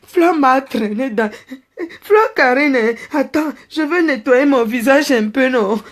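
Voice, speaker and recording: A woman's voice: high voice, slow pace. A woman vlogger doing a comic parody monologue, theatrically wailing, mock sobbing and pleading down the phone. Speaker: comedy vlogger. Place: her bedroom.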